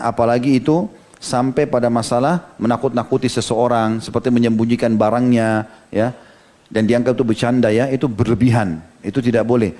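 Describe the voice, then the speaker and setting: A man's voice: medium pitch, warm tone. A middle-aged man giving an Islamic sermon, telling stories from hadith with frequent "ya" asides. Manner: storytelling lecture, quoting hadith, frequent "ya" asides. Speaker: Islamic preacher.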